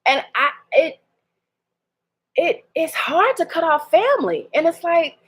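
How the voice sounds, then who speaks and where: A woman's voice: very high voice, very animated, a little slow, a bit bright. A woman, talking candidly in a personal vlog, hurt and laughing ruefully through her restarts. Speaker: vlogger.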